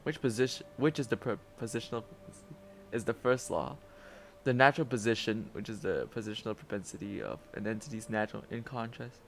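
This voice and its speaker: A man's voice: on the low side, a little fast, a little hiss or hum. A young man, rambling and laughing through casual gaming commentary as a streamer, with lots of stammered restarts.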